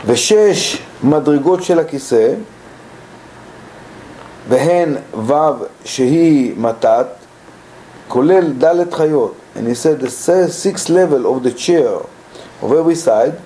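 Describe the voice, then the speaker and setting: A man teaching a text, reading it and translating it into halting English line by line. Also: a little high, mellow, rough recording. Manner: halting, repeating phrases while translating. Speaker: Torah teacher.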